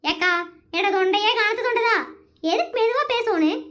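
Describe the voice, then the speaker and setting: A loud, blunt village woman talks in a very high, bright voice, as a woman puts her on. She is teasing and outspoken, the noisy sidekick of a homespun cartoon. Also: a little fast. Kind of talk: cartoon voice acting.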